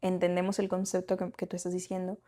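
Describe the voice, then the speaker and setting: A woman's voice: lowish voice, completely flat delivery, quick pace, mellow. A young woman co-hosting a podcast, telling a personal story in casual chat with lots of fillers and restarts. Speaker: podcast co-host.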